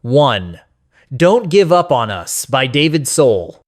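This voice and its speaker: With soft rock in the background, a man hosts a scripted music countdown, spinning nostalgic, colloquial stories. He speaks slowly in a mid-range voice full of big pitch swings.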